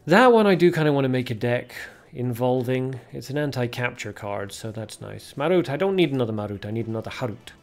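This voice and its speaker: A man's voice: mid-range voice, animated, fairly quick, hardly any pauses. A young man hosting a casual card-game livestream, chatting with viewers and reading card names aloud as he opens packs. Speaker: livestream host.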